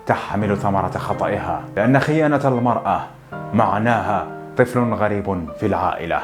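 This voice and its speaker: A conventional young male engineer asking measured, earnest questions, as a male narrator reads his lines. The voice sits low, with faint guitar music underneath. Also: lightly acted. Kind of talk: audiobook narration.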